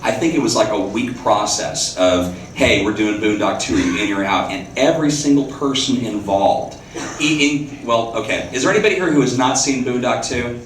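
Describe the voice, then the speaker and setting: A man's voice: mid-range voice, moderate pace, slight background noise. A man on a panel talking casually to an audience at a fan Q&A. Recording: echoey hall from far off with faint ambience.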